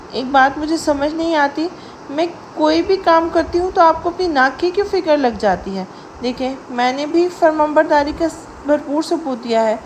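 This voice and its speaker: A woman's voice: high-pitched, a little hiss or hum, close to an everyday voice. A woman voicing a stubborn, dramatic young wife who whines and pleads. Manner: whiny and pleading.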